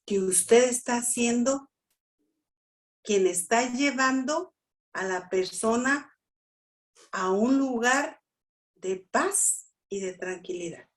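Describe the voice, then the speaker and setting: A woman teaching a family workshop in a preaching style. She talks slowly and emphatically, checks in with the audience, and acts out quotes. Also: on the high side, animated. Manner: slow, emphatic, with repeated "¿sí?" checks and acted-out quotes. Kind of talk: preaching talk.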